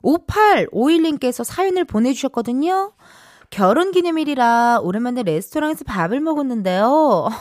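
A woman's voice: sits high, lively intonation, normal speed, a little mellow, no room sound. A young adult woman hosting a radio show in a studio, bubbly and playful, chatting and reading listener messages. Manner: bubbly, playful, reads listener texts with acted voices. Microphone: studio mic. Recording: dry studio sound with faint music behind.

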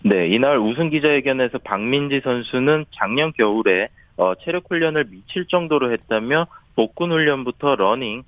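A man's voice: mid-range voice, animated, moderate pace, hardly any pauses, no echo, narrow, tinny audio. A man giving a formal scripted golf report in a golf commentator's manner, stumbling now and then. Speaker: sports newspaper reporter, golf correspondent. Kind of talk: scripted golf news report, play recap.

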